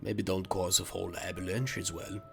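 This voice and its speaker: GM doing a formal male quest-giver, measured and stern, low voice, faint music behind. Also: level tone, creaky. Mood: reproachful. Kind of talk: in-character game master speech.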